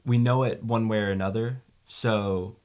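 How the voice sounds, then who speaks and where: A young man guest speaking in a measured, polite and thoughtful way. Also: lowish voice, fairly even intonation, darkish tone. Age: young adult. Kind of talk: casual conversation.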